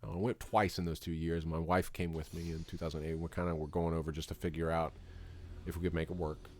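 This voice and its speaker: A man's voice: deep voice, flat delivery, fairly quick, a little mellow. A middle-aged man from Florida chatting casually on a game stream, rambling with lots of restarts and fillers. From Florida, USA. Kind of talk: casual chat while gaming.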